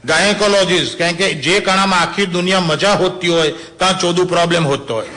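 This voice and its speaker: Man telling raunchy jokes to friends, higher-pitched, lowers his voice to play the characters. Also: fairly quick, a little hiss or hum. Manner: lively storyteller, drops to a low voice for dialogue, laughs at own punchlines. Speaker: joke teller. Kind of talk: telling adult jokes to a small group.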